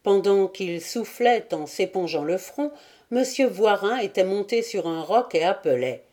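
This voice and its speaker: A woman narrating an adventure novel as an audiobook, reading in a steady, deliberate way. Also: mid-range voice. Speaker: audiobook reader. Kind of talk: scripted narration.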